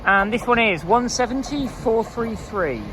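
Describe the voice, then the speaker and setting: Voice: mid-range voice, lively intonation, unhurried. A video host giving methodical trainspotting commentary, spelling out services and numbers. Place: railway station platform. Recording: noisy outdoor station ambience.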